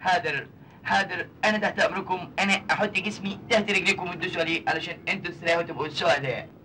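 Ali, a pompous bluffing tycoon. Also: male voice, high voice, racing, bright, forceful tone, a little hiss or hum, poor audio. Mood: placating. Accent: Egyptian Arabic. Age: young adult. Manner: pompous, mixes in English words. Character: pompous self-styled young male tycoon, bluffing. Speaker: film character. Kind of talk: 1980s comedy film acting.

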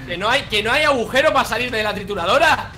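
A man with a Spain Spanish accent giving casual gaming commentary, teasing his friend with jokes and shouting his name. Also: very high voice, animated, fast talker, a crowd in the background. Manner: teasing, joking, yelling names. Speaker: gaming YouTuber.

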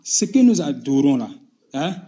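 A man's voice: medium pitch, big pitch swings, moderate pace, dark tone. A man from Ivory Coast in an online religious debate, answering hesitantly with many restarts and repeated words. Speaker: debate participant. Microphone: online voice call.

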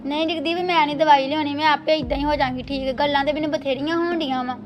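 A woman's voice: high-pitched, fairly even intonation, racing, natural voice. A woman playing a young daughter-in-law in a Punjabi family drama, pleading and defensive with her mother-in-law.

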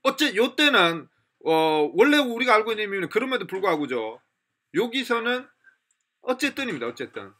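A man with a Korean accent gives a lively English pronunciation lesson and repeats example phrases to drill them. His voice sits a little high and sounds bright and clear, and his pitch swings widely as he talks. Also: normal speed. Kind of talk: lively classroom lecture with demonstrations.

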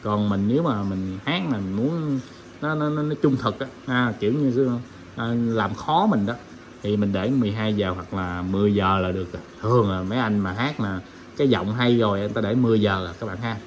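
A man's voice: on the low side, fairly quick, a little hiss or hum. A man, chatting casually through an audio gear demo, full of fillers and talking to viewers as friends. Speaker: audio shop owner demonstrating gear. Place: indoor room with sound system.

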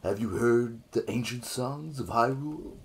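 A man voicing a flirty, smooth-talking male bird bard in a game let's-play, with a sultry, theatrical and flowery manner. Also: medium pitch, measured pace, pitched above the performer's own voice, lightly acted. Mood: grandiose.

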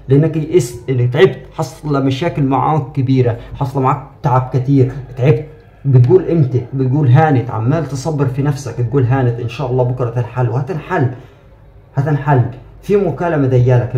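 Guy doing a quick spiritual reading, dark mellow voice, repeats himself, echoey room. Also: medium pitch. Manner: repetitive, reassuring, drawn-out "aah" fillers. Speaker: spiritual fortune reader.

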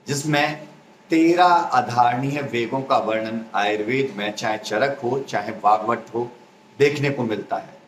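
A man giving an explanatory health talk as an Ayurveda educator, measured and teacherly, listing points one by one. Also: mid-range voice, roomy sound, a little hiss or hum, low-quality recording.

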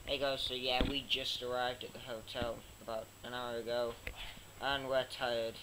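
A man's voice: mid-range voice, flat delivery, normal speed. A young man chatting casually to a handheld camera on holiday, like a vlogger updating his viewers. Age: teenager to young adult. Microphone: handheld camera at arm's length. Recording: noisy handheld camera audio with heavy background noise.

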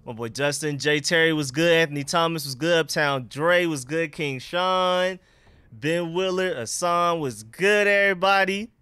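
The voice is a young man's, a little high and bright with a forceful edge, at normal speed and clean with no room sound. He chats casually with viewers on a sports livestream, using slang and repeated greetings and catchphrases, his words slightly impeded by a dental retainer.

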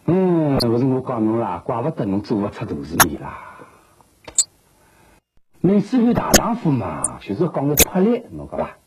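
A man's voice: medium pitch, wildly swooping pitch, moderate pace. An actor playing a blunt, nagging family man in a TV drama, speaking with a Shanghai accent. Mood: scolding. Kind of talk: naturalistic television drama dialogue. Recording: very noisy old TV tape.

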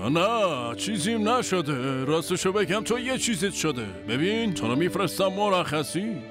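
A man's voice: sits high, sing-song. A man dubbing the role of a doctor, fussy and evasive, keeps urging others to hurry and leave. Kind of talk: dubbed TV drama dialogue. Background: music.

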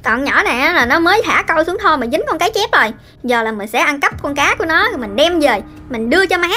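A woman's voice: sits high, expressive, fast talker, pushed and bright, faint music behind. A woman voicing a scheming, bratty younger sister in a game-made fairy tale, pouty and sly.

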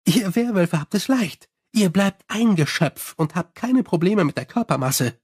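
A sly young vampire woman, as a male audiobook reader puts her on chatters in a raised, playful voice with a husky grain. She mocks and teases in a storybook manner. The sound is close and dry. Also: high voice, expressive, measured pace, a little mellow, no room sound, voice pushed up, full character voice. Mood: chatty teasing. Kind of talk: audiobook character voice.

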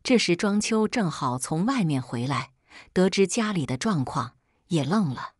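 A woman's voice: on the low side, very animated, measured pace, slightly rough, dry recording, clean studio sound. A woman narrating a family drama in the first person with a storytelling manner.

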